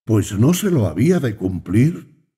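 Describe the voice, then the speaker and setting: A man's voice: medium pitch, big pitch swings, measured pace, dark tone, slightly rough, exaggerated voice. A man reading as an earnest doubting brother. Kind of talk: audiobook reading.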